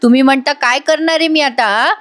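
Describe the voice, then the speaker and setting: A woman's voice: high-pitched, fairly quick. A woman voicing a volatile, desperate young husband. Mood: furious. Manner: shouting threats, then wailing.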